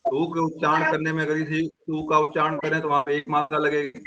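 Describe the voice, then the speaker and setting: A man's voice: a little high, monotone, brisk, highs cut off, very noisy. A man teaching grammar in an online class, explaining step by step and often checking whether students have understood.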